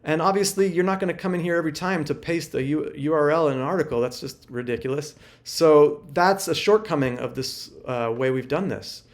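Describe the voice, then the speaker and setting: A man's voice: a little high, brisk, few pauses. Casual man thinking aloud while teaching. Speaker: workshop instructor. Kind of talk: screen-share tutorial walkthrough.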